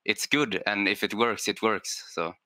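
Man, deep and bright-edged, talking on a gaming panel; thoughtful, hesitant, lots of "um" and "right?". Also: unhurried, no room sound. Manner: thoughtful, hesitant, with many fillers and "right?" tags. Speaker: esports player on a structured team. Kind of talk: panel discussion on a gaming show.

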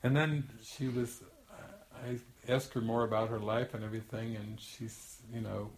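An older man, a spiritual teacher, tells a long anecdote as a teaching story, rambling and chatty, restarting often and laughing. His voice is lowish and level at a normal speed, and the room is echoey.

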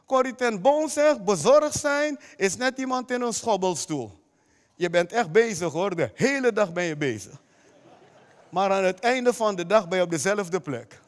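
A man's voice: sits high, expressive, moderate pace, clear, resonant tone, long reverb tail. A man preaching a sermon as pastor, emphatic, often putting direct questions to the congregation. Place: church hall.

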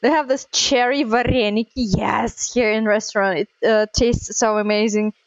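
High-voiced playful woman streamer. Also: fairly even intonation, moderate pace, no echo, lo-fi sound. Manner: playful, giggly, teasing. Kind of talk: casual gameplay chat.

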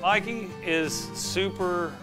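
A man's voice: high-pitched, takes it slowly. Joking man hosting outdoors over music. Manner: jokey, laughs often. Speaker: host. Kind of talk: casual chat. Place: outdoors on a farm. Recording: music bed under the voice.

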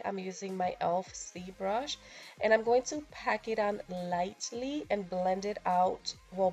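A young beauty vlogger, nasal from a cold, talks through a makeup tutorial voice-over in a casual, chatty and slightly crude manner. Her voice is medium in pitch with a darkish tone.

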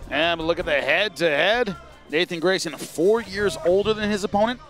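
A man's voice: high-pitched, moderate pace. A man giving live play-by-play sports commentary on a fight. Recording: crowd and music behind. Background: crowd and music.

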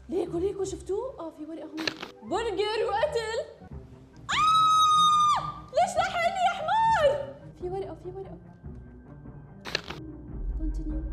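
A woman with a Levantine Arabic accent giving excited, jokey gameplay commentary, full of gasps and shrieks. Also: very high voice, echoey room. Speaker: gaming YouTuber.

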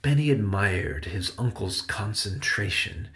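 A man reading his own children's book aloud, with expressive, dramatic storytelling. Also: lowish voice, unhurried, creaky. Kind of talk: audiobook narration.

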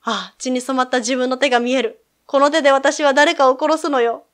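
A woman's voice: high-pitched, fairly even intonation, a little fast, close to an everyday voice. A woman voicing a frightened young woman in a game who pleads anxiously. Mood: desperate. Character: frightened young woman haunted by her past.

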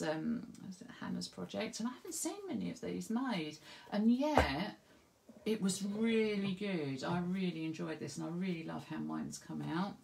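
Craft lady rambling and giggling, bit low voice, gravelly, stuffy nose from hay fever. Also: a little hiss or hum. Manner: chatty, giggly, rambling anecdotes. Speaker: craft tutorial host. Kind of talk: casual chat to viewers.

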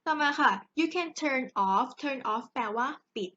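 Speaking straight to her students, a young Thai woman runs a chatty, joking English grammar lesson. She sits high in pitch with a bright, forceful tone and an unhurried pace, captured on a dull lo-fi recording.

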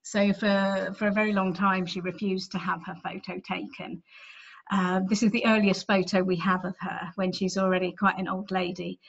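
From a room in her home, an English author in middle age delivers a virtual library talk on her book, full of ums and self-corrections in a conversational style. Her mid-range voice is gravelly and slightly rough, level in tone and at normal speed, recorded through a video-call webcam that sounds slightly dull.

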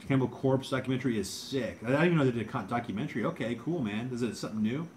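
A man's voice: mid-range voice, rapid-fire, a little mellow, slight background noise. A young man hosting a casual livestream, hesitant and self-deprecating as he answers viewer comments. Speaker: livestream host.

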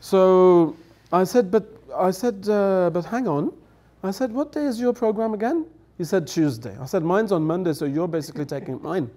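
Seated at a table on a dark-curtained studio set, this middle-aged man, the elder guest and a native English speaker, tells anecdotes conversationally, laughing and voicing the lines he quotes. His dark-toned voice sits high, with lively intonation, a moderate pace and few pauses.

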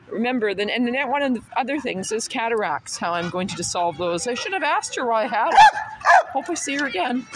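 Sixties woman, rambling and giggly, high voice, outdoor noise in the recording. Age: 60s. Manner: rambling, laughs often, chats to her dogs. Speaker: vlogger talking to children. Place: outdoors with dogs.

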